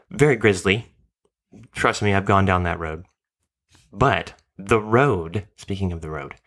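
A man hosting a podcast in casual chat, rambling through stories and tangents. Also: low-pitched. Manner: rambling storyteller who drifts into tangents. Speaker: podcast host.

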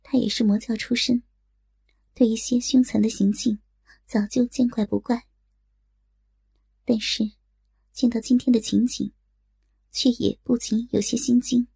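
A woman narrates a martial-arts audiobook at an even, storytelling pace. Her voice sits a little high but sounds warm, gravelly and husky. The recording is dry and close. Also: unhurried, long pauses, no room sound. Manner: steady, storytelling delivery.

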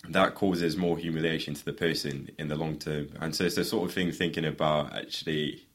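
A man's voice: rumbling low, fairly even intonation, fairly quick. A man co-hosting a podcast, talking in a rambling, casual way and laughing at his own points. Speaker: podcast co-host. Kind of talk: casual chat.

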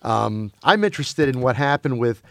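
A man's voice: mid-range voice, expressive, moderate pace, gravelly, a bit bright, no room sound. A man who grew up in Belgium, talking casually about film and streaming, with many restarts and fillers.

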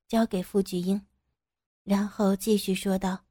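Mellow-voiced woman narrating a story. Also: mid-range voice, level tone, a little slow, no room sound, studio quality.

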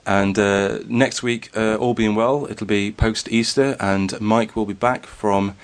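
A man's voice: on the low side, fairly even intonation, a little slow, clear, resonant tone. A man from northern England hosting a podcast, speaking hesitantly with many restarts but enunciating carefully. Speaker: podcast host. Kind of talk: casual podcast interview.

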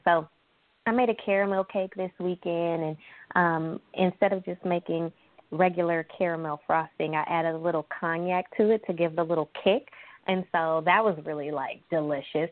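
A woman from San Francisco, a guest entrepreneur, talking in a lively, chatty way and laughing often. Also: fairly low pitch, no room sound. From San Francisco, USA. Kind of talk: casual interview chat. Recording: thin phone-line sound, dry.

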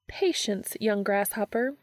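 A woman's voice: animated, a little slow, dry recording, clean studio sound, natural voice. A woman reading aloud and voicing a spunky, tough young woman who teases her friends in a raised, playful voice. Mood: playful teasing. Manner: bright, playful, higher and louder.

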